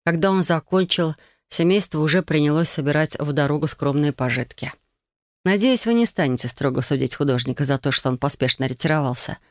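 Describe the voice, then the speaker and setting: A man reading a novel aloud as an audiobook narrator, in a calm, even storytelling manner. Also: on the high side, fairly quick, dry recording, clean studio sound.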